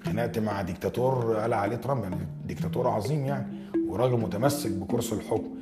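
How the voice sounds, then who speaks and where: A man talks fast and intensely, stumbling over his words. His voice is low, and loud plucked guitar fills the echoey recording around him. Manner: stammering, intense. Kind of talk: emotional testimony.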